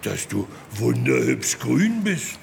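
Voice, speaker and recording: A man's voice: fairly low pitch, wildly swooping pitch, takes it slowly, creaky, a little hiss or hum, heavily acted. A man playing a kind, naive elephant in a children's audio drama, earnest and hesitant. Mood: sympathetic.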